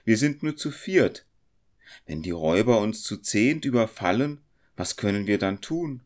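A man's voice: on the low side, lively intonation, unhurried, darkish tone, pitched above the performer's own voice. A man voicing an anxious young goldsmith in a storybook reading, worried and uneasy. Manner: worried, rising.

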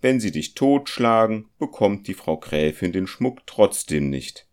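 A man's voice: fairly low pitch, big pitch swings, a little slow, darkish tone, pitched above the performer's own voice. A practical, unflappable craftsman talks his nervous friend down, as a man reading a story puts him on. His voice is firm, slightly raised and matter-of-fact. He sounds reassuring and mildly dismissive, in the manner of a storybook. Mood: persuading. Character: calm, practical male compass-smith traveller.

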